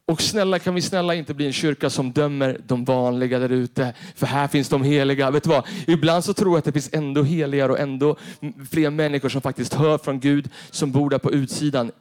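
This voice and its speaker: Animated man preaching a sermon. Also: on the high side. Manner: animated storytelling, acting out characters. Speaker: pastor. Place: church.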